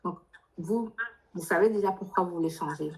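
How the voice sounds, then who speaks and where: With a fairly low voice at a moderate pace, a woman advises international students in a live question-and-answer workshop. Her spontaneous remarks are directive and insistent, and she often asks probing questions.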